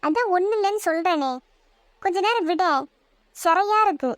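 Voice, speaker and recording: A cranky college-age older sister from a cartoon, who snaps and scolds, as a woman puts her on. Her voice is very high and close-miked. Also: moderate pace, no echo. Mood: irritated. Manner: snappish, scolding. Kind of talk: cartoon voice acting.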